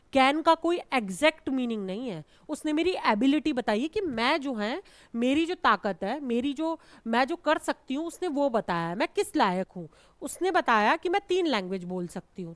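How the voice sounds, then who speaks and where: Indian woman grammar teacher, high-pitched, patient explainer, dry recording. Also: fairly bright tone, dry recording. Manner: explains patiently, calls students "beta"; repeats and checks with "theek hai". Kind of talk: classroom grammar lesson.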